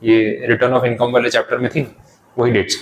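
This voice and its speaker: A man's voice: mid-range voice, completely flat delivery, normal speed, slight background noise, poor audio. A male tax lecturer in a classroom, explaining step by step in English.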